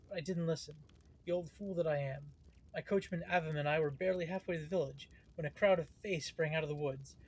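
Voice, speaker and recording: A man's voice: on the high side, slight background noise, close to an everyday voice. A man reading the lines of a frightened, stout, middle-aged male merchant from a game, in close to his own voice. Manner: read aloud plainly, close to his own voice. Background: game music.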